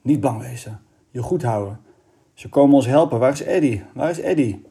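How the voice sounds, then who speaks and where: A man voicing a brave, desperate young boy who pleads and shouts for help in a storybook reading. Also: mid-range voice, lively intonation, moderate pace, vocal fry.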